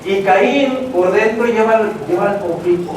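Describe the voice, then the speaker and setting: Recorded from afar in a reverberant church hall, this man delivers an evangelistic sermon to his "hermanos," acting out voices as he dramatizes his stories. His voice sits high and a little mellow, moving at a moderate pace, with slight background noise.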